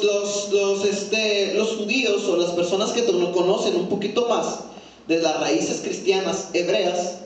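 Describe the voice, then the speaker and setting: A man teaching a Sunday school Bible class, often checking in with listeners with a quick "¿sí?" and putting questions to the class. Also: high-pitched. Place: echoey church room. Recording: very echoey room from far off.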